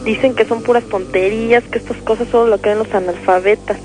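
A woman's voice: a little high, steady tone, fairly quick, a little mellow, faint music behind, close to an everyday voice, rough recording. A young woman playing a frightened caller on a radio drama who believes she is possessed and begs for help. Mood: pleading. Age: young adult. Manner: pleading, fearful.

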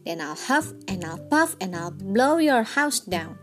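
A woman voicing a menacing, boastful male wolf in a storybook reading, shouting his threats in a raised voice. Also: mid-range voice, sing-song, measured pace, over music. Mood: threatening.

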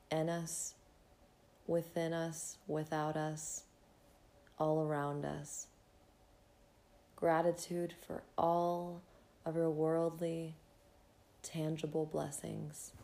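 A woman hosting a spiritual podcast, speaking gently in measured, deliberate phrases. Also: low-pitched, monotone. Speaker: podcast host.

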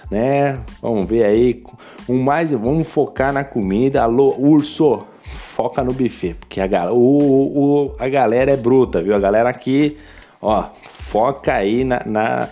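A man's voice: mid-range voice, warm tone. A man from Brazil hosting a podcast, giving a casual joking recap of race results and teasing the drivers by speaking to them directly. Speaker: podcast host recapping a sim racing league.

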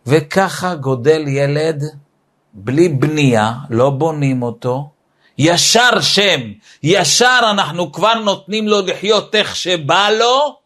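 A male Torah teacher delivering a weekly lesson. He speaks with a fairly high voice and a lively, animated delivery. He acts out little family scenes to make his points.

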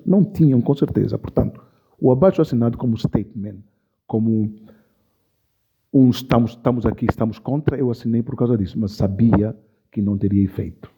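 A man's voice: mid-range voice, husky. A man giving impassioned commentary in an interview, speaking emphatically and repeating key phrases for stress. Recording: dull lo-fi recording.

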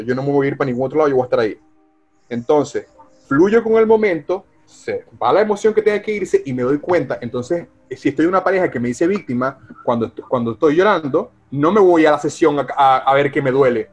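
A man's voice: on the high side, darkish tone, muffled recording. Emphatic man coaching live. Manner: emphatic, addresses listeners by name, frequent self-corrections. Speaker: life coach hosting a live session. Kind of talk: live online coaching talk. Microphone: video call.

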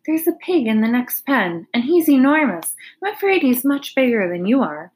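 A woman's voice: on the high side, normal speed, a little hiss or hum, voice pushed up. A woman voicing a polite, wise female spider in a children's storybook. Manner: polite, calm.

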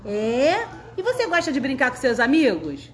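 A woman's voice: high voice, wildly swooping pitch, moderate pace, slight background noise. A woman, a preschool teacher coaxing small children in a school podcast interview. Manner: sing-song, coaxing, talks to small children.

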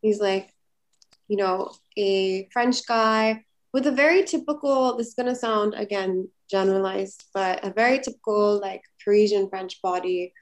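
A podcast co-host, a woman with a mid-range voice at normal speed, tells a long anecdote in a casual chat. She rambles in an animated way and fills her speech with frequent "like"s.

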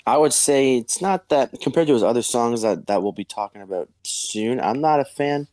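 A man's voice: medium pitch, normal speed, a little mellow, dry recording, studio quality. A man co-hosting a casual music podcast, talking in a slangy, loose way with many restarts. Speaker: podcast co-host. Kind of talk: casual chat.

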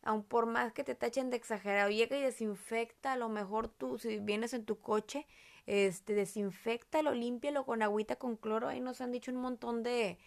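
A woman from Monterrey with a Monterrey Mexican Spanish accent hosts a casual podcast, chatty and rambling and fond of diminutives. Her voice is on the high side, steady in tone, with vocal fry, at a normal speed.

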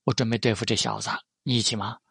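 A man voicing a cold, ruthless young tycoon who speaks calmly with quiet menace. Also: medium pitch, quick pace, breathy edge, dry recording, clean studio sound.

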